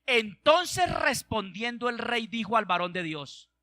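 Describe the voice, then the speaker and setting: A male pastor preaches an emphatic call-and-response sermon. His voice sits high and cuts with a sharp, forceful edge. The sound is dry and close, with no room echo. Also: sing-song, a little slow.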